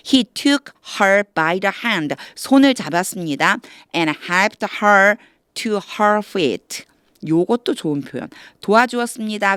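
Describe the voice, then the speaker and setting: A woman teaching English through Bible reading, who explains step by step, asks the viewer questions and reads English phrases slowly before explaining them. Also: medium pitch, clear, resonant tone, no room sound, studio quality. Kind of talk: explanatory lesson.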